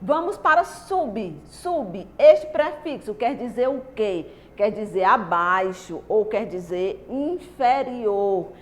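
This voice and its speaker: A Brazilian woman teacher giving a slow, patient lesson to young children, asking the class questions and answering them herself. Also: mid-range voice, expressive. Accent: Brazilian Portuguese. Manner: slow, patient, stretched-out explaining. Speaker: primary school teacher.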